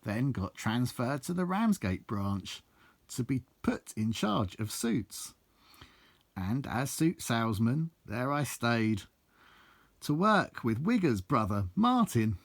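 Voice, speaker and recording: Slow and marked by vocal fry, this mid-range male voice swings widely in pitch as the author reads his own rhyming autobiography. His storytelling is theatrical, blunt and laced with swearing, and the recording is dry.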